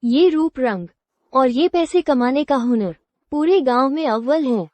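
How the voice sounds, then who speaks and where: A woman's voice: sits high, measured pace, darkish tone, no echo. A woman dubbing a proud, doting old village grandmother in a drama. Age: older. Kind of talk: dubbed drama acting.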